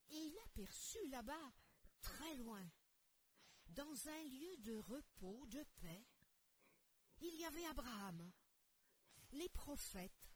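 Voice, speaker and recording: A woman narrates a children's Bible story with expressive, storytelling delivery, turning to ask the listener questions. Her pitch rises and falls in lively arcs. She reads slowly, letting each phrase land. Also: slight background noise.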